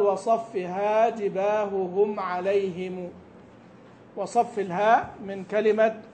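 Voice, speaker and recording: A male Quran recitation teacher explaining a tajweed text to his students. He asks the class questions and answers them himself, and slows down to model words carefully, syllable by syllable. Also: sits high, darkish tone, a little hiss or hum. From Saudi Arabia. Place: mosque lesson hall.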